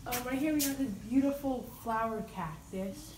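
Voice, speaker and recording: A woman's voice: high voice, animated, normal speed. A young woman filming a joking, mock-boastful tour of a house and backyard, giggling as she goes. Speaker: vlogger. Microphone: handheld phone camera. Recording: roomy phone audio with background noise.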